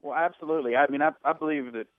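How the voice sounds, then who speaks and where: A man phones in to a radio show and talks fast in a loose, rambling way, full of "you know" and "like". His voice comes through a thin, tinny phone line that sounds close and dry. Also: on the high side, no room sound. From Louisiana. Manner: rambling, relaxed storytelling with fillers. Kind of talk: casual call-in chat.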